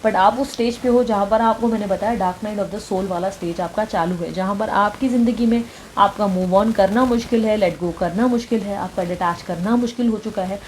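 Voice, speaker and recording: A tarot reader speaks straight to the viewer, mixing English words and phrases into her talk and often checking in with the listener. Her voice is medium-pitched and darkish, at a moderate pace, with a little hiss or hum.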